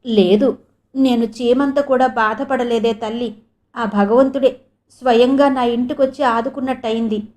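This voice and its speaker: A woman's voice: on the high side, steady tone, a little slow, darkish tone, natural voice. A woman reading an audio novel voices a loving old grandmother who fusses over her granddaughter tenderly. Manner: tender, fussing, affectionate.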